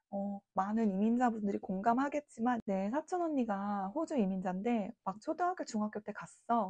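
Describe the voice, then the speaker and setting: Mellow-voiced woman in her late thirties. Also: mid-range voice, no echo. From South Korea. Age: late 30s. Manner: chatty and reflective, informal speech. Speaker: vlogger. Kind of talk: casual talking-to-camera vlog.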